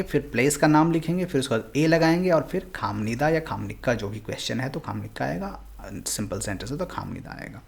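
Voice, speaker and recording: A man's voice: mid-range voice, vocal fry. A man teaching a language lesson, explaining patiently and switching between Hindi and English.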